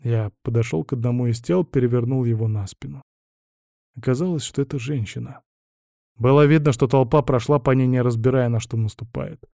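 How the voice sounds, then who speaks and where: A man narrating a first-person audiobook in a gruff, blunt, dramatic reading. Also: mid-range voice, brisk, mellow, no echo, clean studio sound.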